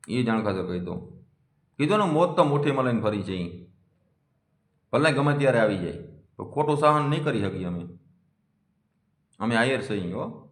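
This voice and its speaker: Defiant man in an echoey room. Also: medium pitch. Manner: defiant, scolding, challenging. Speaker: community vlogger. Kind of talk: confrontational monologue.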